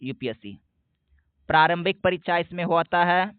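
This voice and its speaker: High-voiced man teaching on a tinny line. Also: clean tone, no room sound. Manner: asks a question, then answers it himself; repeats key points slowly. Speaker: exam prep teacher. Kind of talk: explanatory lesson. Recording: dry, phone-like narrow sound.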